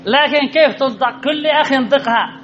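A man with a very high-pitched, fairly quick, fairly bright voice teaches grammar to a classroom of students. He drills points by questioning the students and repeating their answers over and over, captured in a dull lo-fi recording with faint background noise.

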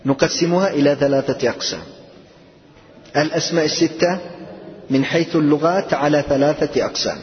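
A male teacher leads a grammar lesson, slowing down to stress key words and pausing to ask his students questions. His voice sits a little high. The recording is muffled and lo-fi, with a long echo from a large room. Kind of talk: classroom lesson. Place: classroom. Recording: echoey hall, dull lo-fi sound.

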